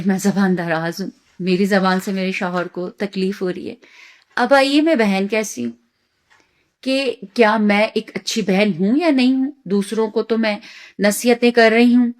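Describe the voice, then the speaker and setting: A woman who is a mother and teacher giving an earnest religious lecture, asking herself rhetorical questions. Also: medium pitch. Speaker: Islamic teacher.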